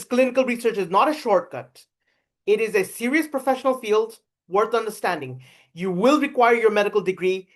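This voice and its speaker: A woman hosting a webinar over a video call, speaking in halting restarts. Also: medium pitch. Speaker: webinar host. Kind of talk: webinar presentation.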